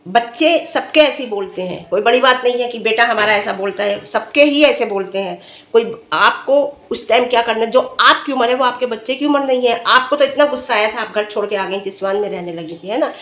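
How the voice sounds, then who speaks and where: Middle-aged woman, vlogger, high voice, earnest lecturing tone, scolding rhetorical questions, echoey room. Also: fairly quick, a bit bright. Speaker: vlogger commenting on another family's dispute. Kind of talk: direct-to-camera opinion commentary.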